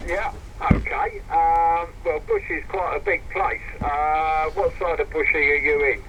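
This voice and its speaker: A man's voice: fairly high pitch, steady tone, measured pace. A man chatting cheerfully over a CB radio link from his vehicle, trading signal reports in radio jargon. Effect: heard over a CB radio link. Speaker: CB radio operator, mobile. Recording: muffled, noisy CB radio transmission.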